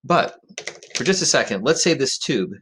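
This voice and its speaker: A male physics teacher giving a recorded lecture in a conversational way, often checking in with "right?" and pausing on fillers. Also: mid-range voice, big pitch swings, fairly bright tone, a little hiss or hum.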